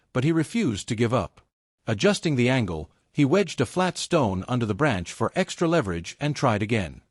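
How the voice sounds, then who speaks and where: A man reading a scripted story aloud in an expressive, dramatic storytelling manner. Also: mid-range voice, dry recording, studio quality. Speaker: narrator.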